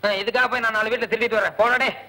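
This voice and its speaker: A man's voice: fairly even intonation, racing, a little hiss or hum. A man acting in a comedy film scene, talking in a melodramatic, wailing manner. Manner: high, bright, melodramatic wailing.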